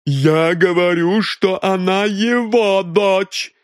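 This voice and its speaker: A man's voice: sits high, takes it slowly, no room sound, clean studio sound, pitched above the performer's own voice. A man voicing a furious, defiant middle-aged woman who shrieks her indignant outbursts.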